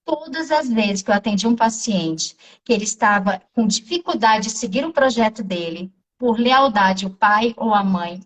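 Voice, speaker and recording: A woman with a Brazilian accent, a therapist in an interview, telling a client's story in a lively way and acting out the dialogue. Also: mid-range voice, moderate pace, distant mic, rough recording. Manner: animated, acts out quoted dialogue.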